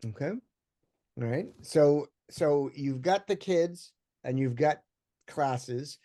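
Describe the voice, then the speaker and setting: A man moderating a panel discussion, talking in a relaxed, conversational way with many fillers. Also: on the high side, takes it slowly.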